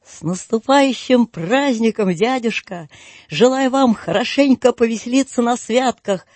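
A man reading an audiobook voices a cheerful, earnest young man who talks warmly and pleads kindly. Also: high-pitched, animated, moderate pace, husky, dry recording. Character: cheerful young man, warm-hearted nephew.

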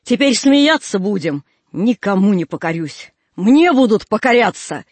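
A man's voice: on the high side, lively intonation, unhurried, slightly rough, no room sound. A man voicing a fierce, proud young woman who throws out scornful, defiant outbursts.

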